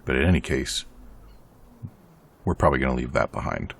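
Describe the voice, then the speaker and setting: A man's voice: extremely low pitch, animated, fairly quick, creaky, fairly bright tone, slight background noise. A man casually narrating his survival game playthrough, chatty and rambling with a self-deprecating streak. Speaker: let's play host.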